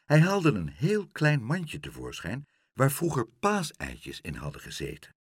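A man reads a children's story aloud, his pitch swooping widely as he tells it. His voice is husky and on the lower side. The recording is close and very dry. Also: measured pace, dry recording. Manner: lively expressive storytelling. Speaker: narrator.

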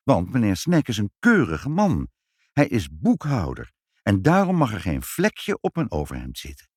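A man's voice: on the low side, wildly swooping pitch, moderate pace, slightly rough, no echo, studio quality, exaggerated voice. A man voicing a fussy, easily outraged father who talks emphatically. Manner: indignant, emphatic.

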